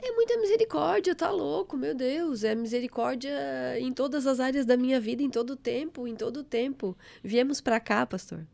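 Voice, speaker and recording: A middle-aged woman, giving a fervent, expressive testimony of faith as a guest. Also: high voice, a little fast, gravelly, hardly any pauses.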